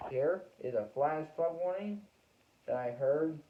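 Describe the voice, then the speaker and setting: A young American man who vlogs about weather radio tells his viewers a story casually and unscripted, halting as he repeats and rephrases phrases. His voice is a little high and animated, on a dull, muffled lo-fi home recording.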